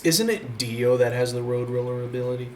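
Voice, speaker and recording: A man's voice: mid-range voice, fairly quick, a crowd in the background. A man hosting a casual chat show, rambling and hesitant with many fillers and restarts. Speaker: host.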